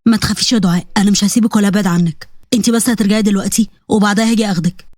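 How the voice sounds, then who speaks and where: A woman lowers her voice to play a devoted young Egyptian man in a spoken storybook, soft and reassuring, quick with his words. The sound is close and dry, with no room around it. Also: fairly even intonation, no echo, natural voice. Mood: tender. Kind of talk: storybook voice acting.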